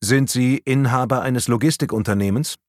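A man reading a calm police detective who questions a suspect in an audiobook. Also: medium pitch, normal speed, dry recording, clean studio sound, close to an everyday voice. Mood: probing. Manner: cool, questioning.

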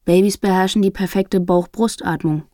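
A woman reading the lines of a young man who stays calm and wryly teases. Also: mid-range voice, moderate pace, no room sound, studio quality, close to an everyday voice. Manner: calm, wry, unbothered. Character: young man, dry and teasing.

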